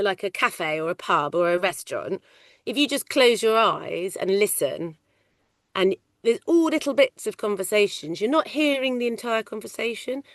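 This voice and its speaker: A middle-aged woman working in film casting, talking loudly and animatedly in a casual interview. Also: medium pitch, dry recording, studio quality. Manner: loud, animated, chatty storyteller. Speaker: ADR casting coordinator.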